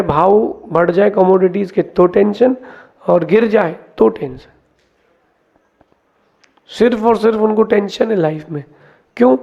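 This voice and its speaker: A man, a monk, giving a sermon, telling parables in a lively teaching way and mixing in English words. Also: high-pitched, vocal fry. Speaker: Jain monk giving a discourse. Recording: dull lo-fi sound.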